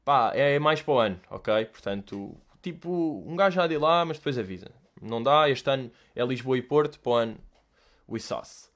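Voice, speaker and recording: A young man with a European Portuguese accent, hosting a casual solo chat and answering listener questions in an animated, joking way, full of slang and swearing. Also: medium pitch, fairly quick.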